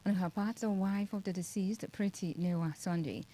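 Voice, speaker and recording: A woman with a Nigerian accent reading a scripted radio news bulletin in a formal, deliberate manner. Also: medium pitch, warm tone, poor audio. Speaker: radio newsreader.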